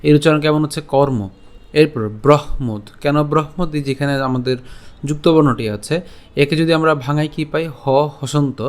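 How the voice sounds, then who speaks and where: A man giving a recorded scripture lesson, explaining pronunciation step by step and reciting verses in a slow, deliberate chant. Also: on the high side. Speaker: religious teacher.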